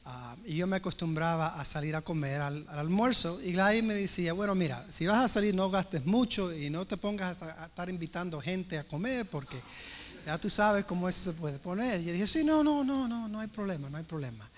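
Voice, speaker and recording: A man preaching by telling a chatty personal story, acting out the dialogue with animated energy. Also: sits high, brisk, a little hiss or hum. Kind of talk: sermon storytelling.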